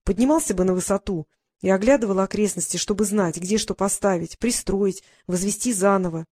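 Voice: medium pitch, a little fast, a little mellow, natural voice. A reader voicing Nick, an earnest, dreamy boy who explains things eagerly.

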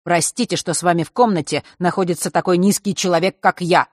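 A man voicing a sharp-tongued, touchy teenage boy in an audiobook, with a sarcastic, scornful way of speaking. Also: high voice, steady tone, quick pace, no room sound, clean studio sound.

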